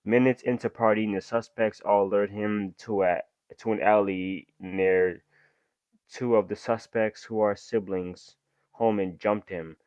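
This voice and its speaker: A man's voice: on the low side, steady tone, a little slow, a little mellow, no echo, highs cut off. A young man, reading true-crime text aloud and breaking off into casual slangy reactions. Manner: reads story aloud, then breaks off into slangy asides. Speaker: reaction video host.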